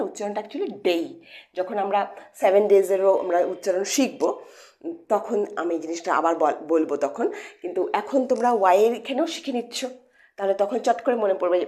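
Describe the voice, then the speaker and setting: A woman's voice: mid-range voice, darkish tone. A woman teaching English pronunciation to students, explaining patiently step by step and often checking with questions. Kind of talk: lesson for students.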